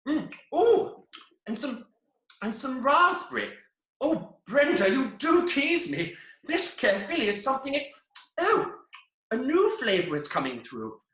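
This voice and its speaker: A woman's voice: high voice, very animated, measured pace, a bit bright, echoey room, heavily acted, poor audio. A woman doing a gushing fussy food judge. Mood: rapturous. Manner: effusive, lingering over every word. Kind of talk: improvised comedy role-play. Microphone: video call.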